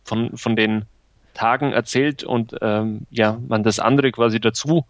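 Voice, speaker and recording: A man's voice: mid-range voice, steady tone, unhurried, no echo, muffled recording. A man co-hosting a casual film review chat, analytical and hesitant, with many fillers. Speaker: film podcast co-host.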